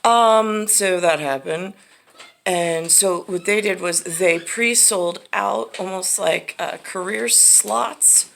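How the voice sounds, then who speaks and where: A woman's voice: medium pitch, slow pace, vocal fry, fairly bright tone. A woman talking casually in a rambling, disjointed monologue that drifts from one tangent to another. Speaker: vlogger.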